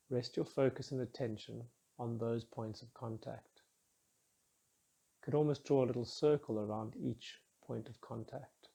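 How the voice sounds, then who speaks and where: A man with a soft, husky, medium-pitched voice guides a meditation. He sounds calm and soothing, giving measured instructions with phrases that gently fall at the end.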